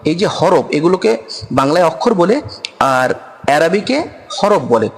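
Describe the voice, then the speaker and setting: A man with a Bengali accent teaches Quran reading, patiently sounding out each Arabic letter and repeating it. He speaks very slowly with many pauses, in a somewhat high voice. A long reverb trails behind his words. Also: sing-song, gravelly. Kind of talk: slow spoken lesson on Arabic letters. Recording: long reverb, room echo.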